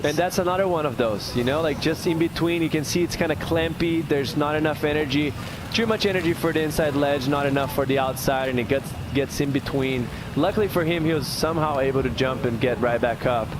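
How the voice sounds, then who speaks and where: A man's voice: a little high, a little fast. A man giving conversational, explanatory live surf analysis, often rephrasing as he goes. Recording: outdoor ambience, boat engine noise behind.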